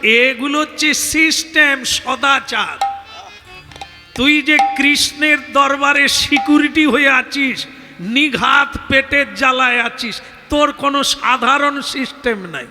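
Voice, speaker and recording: Male kirtan preacher, high and bright, slow dramatic delivery, music under him. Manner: animated, dramatic, addresses the audience directly. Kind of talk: devotional storytelling sermon. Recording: long hall reverb with music.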